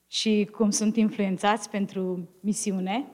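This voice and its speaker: A woman shares a personal testimony at an average pitch. She speaks in short phrases and leaves gaps for an interpreter. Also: flat delivery, a little slow, a little mellow.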